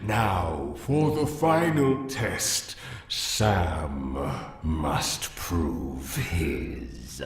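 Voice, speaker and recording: A man voicing a solemn ancient dragon in a video game, with a deep booming dragon voice, grave, commanding delivery and cavernous echo. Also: lively intonation, very slow, exaggerated voice. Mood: solemn judgement. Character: solemn ancient male dragon judging from a dark cave. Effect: echoing cave reverb. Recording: echoing, cavernous reverb.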